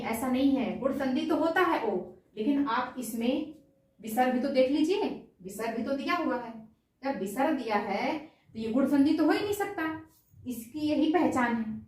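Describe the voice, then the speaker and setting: A high-voiced woman leads an exam-prep grammar lesson, asking a question and answering it herself before repeating the answer. She sounds far from the mic in a very echoey room. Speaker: teacher.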